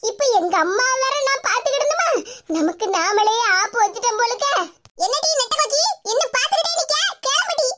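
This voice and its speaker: A shrill, very high, cranky old mother for a cartoon, voiced by a woman, scolding and boastful, with a Tirunelveli Tamil accent. She takes offense fast, and loud noise hisses under her voice throughout. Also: animated. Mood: indignant.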